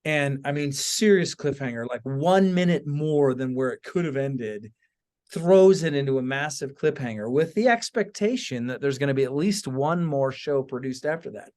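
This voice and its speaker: In a casual podcast chat, a host who is also an author speaks at a moderate pace in an animated, medium-pitched, slightly mellow voice. His stories come with emphatic asides, and he checks in with his listener frequently.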